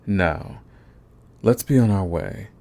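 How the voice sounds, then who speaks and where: Here the voice sits lowish and dark, expressive and slow. As the smug villain flirting with the enemy he's fond of, the audio roleplay actor sounds commanding and teasing, his taunts drawled with intimate menace in this ASMR romance.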